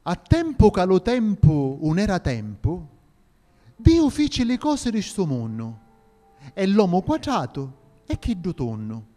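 A man's voice: sits high, wildly swooping pitch, slow pace, dark tone, heavily acted. A man voicing a jolly older folk storyteller with a Sicilian accent, in a lilting, playful sing-song. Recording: reverberant hall with faint music.

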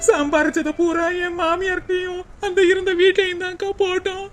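A high, thin-voiced young cartoon wife, played by a woman, close to tears and pleading softly with her friend. She sounds worn down and anxious. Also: moderate pace. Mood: tearful. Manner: tearful, pleading. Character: young wife, tearful and worried about money. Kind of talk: cartoon voice acting.

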